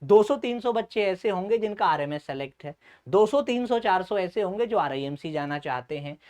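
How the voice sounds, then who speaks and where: A man's voice: high-pitched, lively intonation, a little mellow. Male coaching teacher, chatty explanatory pace. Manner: keeps checking in with "okay", frequent "uh" pauses. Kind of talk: explanatory lecture to students.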